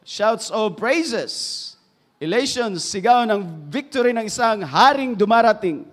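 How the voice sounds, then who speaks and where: A man with a Filipino accent preaching a sermon, switching between Filipino and English, swinging from loud emphatic phrases down to hushed, low passages. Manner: mixes English into Filipino, rising to loud emphasis then dropping to hushed tones.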